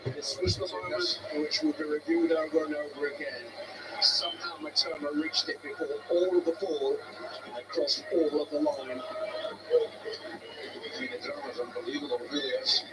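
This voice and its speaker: Man, football commentator, high voice, measured analytical play-by-play, noisy broadcast sound. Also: fairly even intonation. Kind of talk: live match commentary.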